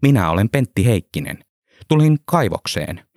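A man's voice: fairly low pitch, very animated, darkish tone, no room sound, studio quality. Man doing an earnest, insistent worker.

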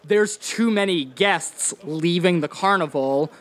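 A man's voice: sits high, takes it slowly. A man narrating a tabletop horror game as game master, telling the scene with animation. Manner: animated storyteller.

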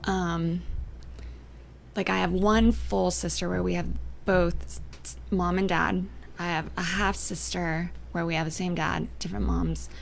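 A young adult woman from Canada and Northern California, chatting as an interview guest, soft-spoken and often trailing off into near-whispers. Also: on the low side, creaky, a little hiss or hum. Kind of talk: casual interview chat.

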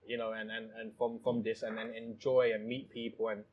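A man's voice: lowish voice, flat delivery, brisk, phone-quality sound, a little hiss or hum. A man from Thailand who owns a restaurant, talking in a casual interview with many restarts and "you know"s. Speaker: restaurant owner. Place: his restaurant, indoors.

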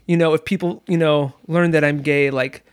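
A man's voice: fairly high pitch, fairly even intonation, normal speed, clean tone. A man in his thirties hosting a podcast, talking casually in a chatty, self-mocking way. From Michigan. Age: 30s. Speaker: podcast host. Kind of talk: casual conversation.

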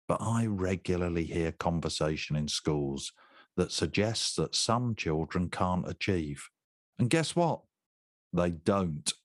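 A man's voice: deep voice, no echo, clean studio sound. A man in his sixties giving an instructional talk to teachers, emphatic and conversational, repeating his key points. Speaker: education trainer.

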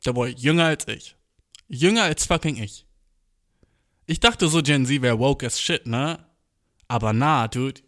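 A young man telling a comedic story in casual speech, slangy and animated, full of swearing and English slang. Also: unhurried, long pauses. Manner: slangy, animated, acts out quotes with big pitch jumps.

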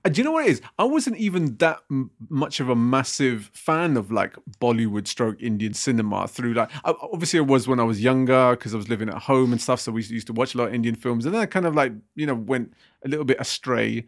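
A man's voice: mid-range voice, lively intonation, fast talker. A man co-hosting a podcast, rambling in casual chat with lots of fillers and laughs. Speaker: podcast co-host.

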